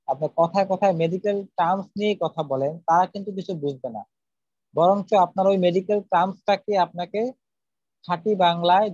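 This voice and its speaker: A man's voice: high-pitched, darkish tone, no echo. A man teaching a public speaking lesson, earnest and methodical, going through numbered points. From Bangladesh. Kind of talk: spoken lesson. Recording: slightly dull, dry recording.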